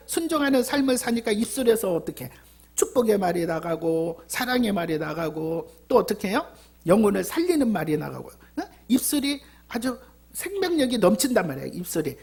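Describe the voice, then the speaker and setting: Woman pastor, sermon in church, husky voice with a lively rising and falling pitch, asks the flock questions. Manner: asks the congregation rhetorical questions, repeats key words.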